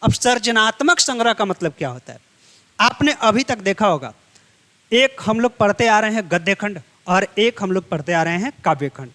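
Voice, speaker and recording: A man's voice: high-pitched, expressive, moderate pace, sharp tone. A male teacher explaining a textbook chapter step by step in an exam-prep lesson, repeating key phrases to his students. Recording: long hall reverb.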